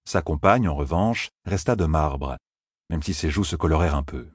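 A man's voice: rumbling low, moderate pace, breathy edge, no room sound, clean studio sound. A man narrating a fantasy novel as an audiobook, reading expressively.

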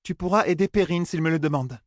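A man's voice: fairly high pitch, fast talker, no echo, clean studio sound, pitched above the performer's own voice, natural voice. A man reading an audiobook voices a proud, stubborn young woman who bargains coldly. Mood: insistent. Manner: stubborn, cutting, defiant.

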